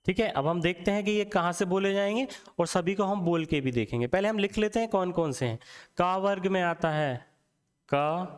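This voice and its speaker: A young man with a smooth, high voice teaches a Hindi grammar lesson. He goes slowly, sounding out letters one at a time, repeating them aloud and quizzing the viewer with questions.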